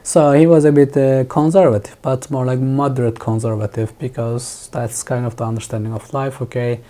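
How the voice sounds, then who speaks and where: A man with a Turkish accent and a mellow, dark voice talks as a podcast guest. He recalls things in a thoughtful, unhurried way, pausing and restarting his sentences often. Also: medium pitch, level tone. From Turkey. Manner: thoughtful, many restarts and fillers. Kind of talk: casual interview chat.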